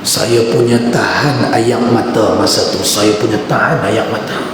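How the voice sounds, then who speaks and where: A man's voice: fairly low pitch, measured pace, over music. A male preacher telling an anecdote in a conversational way during a religious lecture in a mosque. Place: mosque hall. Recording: echoey mosque hall with background noise.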